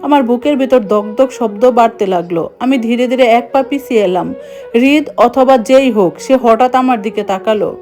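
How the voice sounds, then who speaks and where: A woman telling a suspenseful first-person story in an even, hushed narrating voice. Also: on the high side, moderate pace, soft background music.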